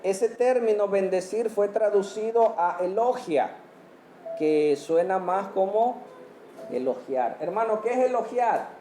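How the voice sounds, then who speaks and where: A man's voice: high voice, lively intonation, slow pace, warm tone, a little hiss or hum. A man preaching a sermon, quizzing the congregation and answering each point with amen. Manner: asks the congregation questions, punctuates with amen. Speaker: pastor. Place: church hall. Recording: echoey church hall.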